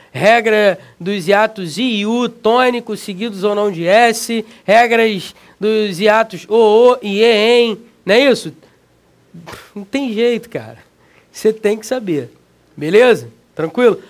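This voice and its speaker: High-voiced, slangy Brazilian teacher. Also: male voice. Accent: Brazilian Portuguese. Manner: slangy, emphatic, talks straight to the student. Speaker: exam prep teacher. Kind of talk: energetic video lesson.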